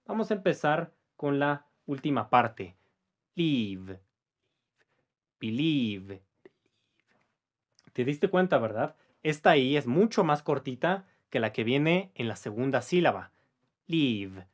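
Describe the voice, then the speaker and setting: A man teaching English pronunciation to Spanish speakers, patiently saying words and sentences slowly for the listener to repeat, with light chuckles between explanations. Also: fairly high pitch, expressive. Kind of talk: pronunciation lesson.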